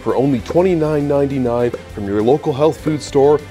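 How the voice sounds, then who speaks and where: A man playing an earnest spokesman selling a fake health product in a parody infomercial, with a smooth salesman delivery. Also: mid-range voice, brisk, warm tone, faint music behind, close to an everyday voice.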